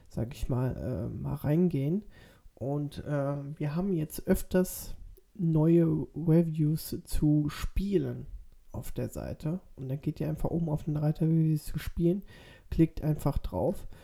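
A man's voice: fairly high pitch, gravelly, mellow. A man with a stuffy nose from a cold, talking casually and hesitantly as a solo podcast host.

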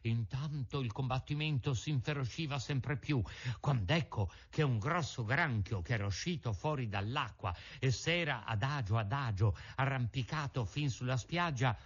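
A man from Italy reading a classic children's book aloud with lively, theatrical storytelling. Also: medium pitch, moderate pace, slightly rough. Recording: dull lo-fi recording.

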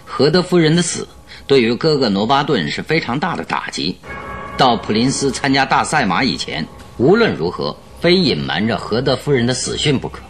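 This Chinese radio drama features an actor as a confident male detective who lays out his deductions courteously and masterfully, in a confident, expository mood. His mid-range voice is a bit bright, with big pitch swings at normal speed, plus background music and a little hiss or hum.

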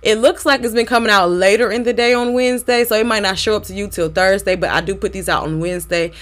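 A woman's voice: medium pitch, steady tone, quick pace, a bit bright. Encouraging woman hosting a faith podcast. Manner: encouraging, exhortative. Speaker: podcast host. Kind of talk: casual faith podcast talk, devotional encouragement.

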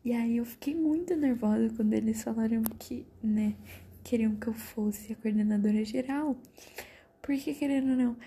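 A teenage girl with a Brazilian Portuguese accent, hosting a podcast and telling a personal story in a breathy voice that slips into half-whispers. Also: a little high, normal speed, mellow. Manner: breathy, drifting into half-whispers, fillers like "tipo" and "mano". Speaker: podcast host.

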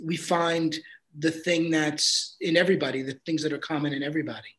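A man's voice: a little high, steady tone, brisk, fairly bright tone, rough recording. A man working as a film composer, talking earnestly and thoughtfully in an interview, with repeats and restarts. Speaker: film composer and sound designer. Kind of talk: casual interview chat.

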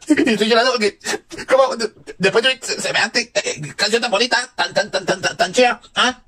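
High, stuttering comic. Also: male voice, moderate pace, pushed and bright, breathy edge. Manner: heavy comic stutter, repeating syllables. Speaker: radio comedy host. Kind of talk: comic radio banter.

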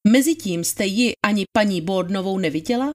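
In a dramatized reading of trial testimony, a woman voices a methodical male attorney questioning a witness in a formal, probing way. She speaks at medium pitch with lively intonation, close to her everyday voice.

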